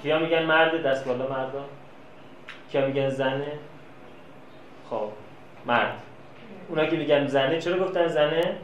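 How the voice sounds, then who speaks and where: A man's voice: on the high side, long pauses. A man giving a classroom lecture, telling anecdotes and acting out quoted dialogue. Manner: lively storyteller, plays out quoted dialogue. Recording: echoey room, faint noise.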